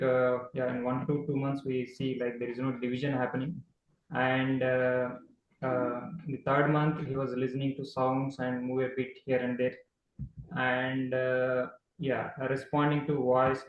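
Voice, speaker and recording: A man's voice: mid-range voice, muffled recording, slight background noise. Hesitant man presenting on a roomy call. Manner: hesitant, many uh fillers. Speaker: parent presenting observations. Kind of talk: online talk presentation. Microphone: video call.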